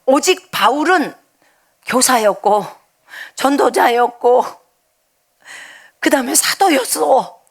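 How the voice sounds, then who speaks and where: A middle-aged woman missionary preaching a sermon, telling a personal testimony with emotional outbursts and hushed asides. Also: high voice, expressive, slow pace, pauses often. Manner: emotional storytelling, shifts between loud outbursts and hushed asides.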